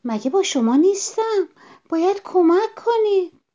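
A shrill, frantic storybook rabbit. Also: female voice, very animated, dark tone, dull audio. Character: panicked rabbit parent pleading for help.

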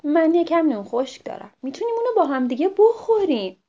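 A woman voicing a patient, kind-hearted grown man who speaks gently and sighs, on a muffled recording. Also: extremely high pitch, sing-song, voice pushed up. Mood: kindly. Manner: gentle and sighing, soft at times.

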